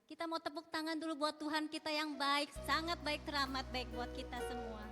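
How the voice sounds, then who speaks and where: Woman, worship leader, high voice, slow sung praise, loud music underneath. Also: fairly even intonation. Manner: quick spoken exhortation between sung lines.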